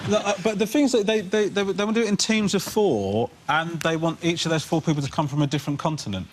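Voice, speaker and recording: A man's voice: fairly high pitch, fast, slight background noise. A man on a comedy panel, talking casually and conversationally. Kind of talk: stand-up banter.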